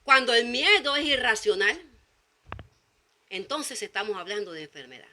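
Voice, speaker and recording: A woman gives a sermon in a high, very bright voice. She presses her points by repeating phrases. Now and then she acts out short quoted exchanges. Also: expressive, normal speed. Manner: emphatic repetition, acts out quoted dialogue. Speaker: preacher.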